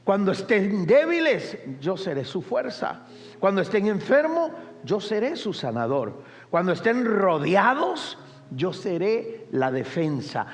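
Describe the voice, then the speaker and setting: A man's voice: high-pitched, sing-song, measured pace. A man preaching a sermon as pastor, building up through repeated refrains and asking the congregation to answer back. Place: church sanctuary. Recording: long reverb of a church hall.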